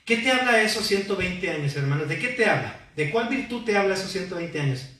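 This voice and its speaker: A pastor preaches a sermon in a church hall, questioning the congregation and prompting their replies. His high-pitched voice is expressive, fairly quick, bright and forceful. The recording is very echoey, with the mic far off.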